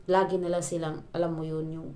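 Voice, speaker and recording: A woman's voice: sits low, level tone, fairly quick, mellow. A woman from the Philippines, vlogging at home, venting to her viewers in a rambling way, full of fillers and restarts and dropping in English words. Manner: exasperated venting. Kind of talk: casual chat to viewers.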